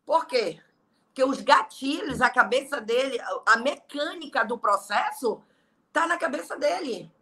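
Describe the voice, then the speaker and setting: A woman's voice: sits high, lively intonation, a little slow, pushed and bright. A middle-aged woman with a Brazilian Portuguese accent, a guest giving blunt, emphatic motivational talk in an interview. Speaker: guest, entrepreneur and online leader.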